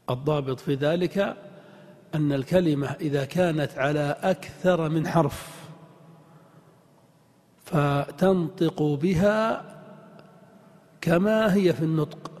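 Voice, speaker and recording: Male teacher, fairly high husky voice, deliberate lecturing, long hall reverb. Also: darkish tone. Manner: deliberate, spells out examples, asks the class questions. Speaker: grammar teacher. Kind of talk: lecture on Arabic grammar.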